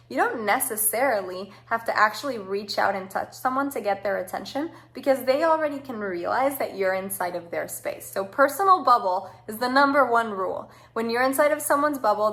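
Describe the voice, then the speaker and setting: A woman's voice: fairly high pitch, a bit bright. A woman giving an informal advice talk in a direct, instructive and emphatic manner. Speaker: speaker giving social advice.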